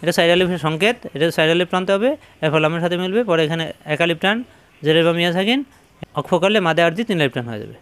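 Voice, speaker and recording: A man teaching Quran recitation, spelling out each syllable slowly and then chanting the verse in long drawn-out tones. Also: on the high side, animated, a bit bright, clean tone. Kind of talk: slow letter-by-letter tajweed lesson.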